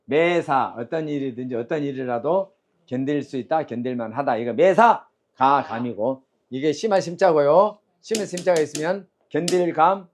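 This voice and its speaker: A man's voice: fairly high pitch, normal speed. A man teaching Chinese characters and tones, quizzing his students and drilling sounds aloud in a call-and-response lecture.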